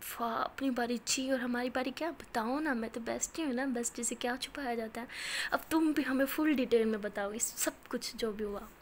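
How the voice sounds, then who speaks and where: A woman's voice: a little high, normal speed, slight background noise, close to an everyday voice. Woman voicing a cheeky teasing best friend. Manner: teasing, prying.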